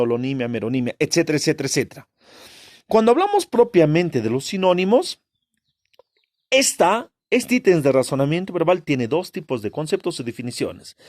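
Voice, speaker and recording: Lively high-voiced male teacher. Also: dry recording, studio quality. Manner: asks rhetorical questions and answers them himself, stressing key terms. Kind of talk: exam-prep lesson.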